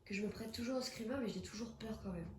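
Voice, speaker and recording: Speaking fast in a mid-range voice, a young streamer with a cold chats casually and jumps with exclamations while playing a horror game. Her phone recording is very noisy and captures an echoey room.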